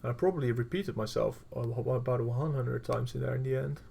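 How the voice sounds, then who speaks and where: Brief: male coach, gravelly voice, middle pitch, blunt and profane while reviewing gameplay, plenty of fillers. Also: normal speed, mellow, a little hiss or hum. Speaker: game coach.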